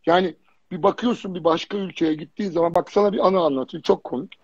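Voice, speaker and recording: Chatting casually as a guest on a livestream, a man with a high, husky voice tells his stories fast, using blunt slang and repeating himself a lot, with a slightly mellow tone. Raised in Germany, he serves on a fitness jury. Picked up by a phone or computer on the stream, the audio is dry and dull, like lo-fi stream sound.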